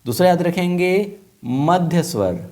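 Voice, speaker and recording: Male teacher, mellow slightly high voice, patient repetitive classroom drilling with questions. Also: animated. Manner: slow, repeating points and asking questions. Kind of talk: classroom lesson to children.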